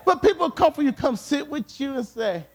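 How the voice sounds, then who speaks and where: A man preaching a sermon with emphatic repetition, at times rising to shouts. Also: very high voice, expressive, moderate pace. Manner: emphatic, repeats words, rises to shouts.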